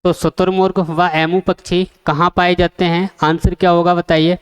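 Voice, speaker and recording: A man's voice: high voice, level tone, normal speed, clear, resonant tone. A man teaching an exam-prep geography lesson, asking the class questions and repeating the answers. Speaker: coaching teacher.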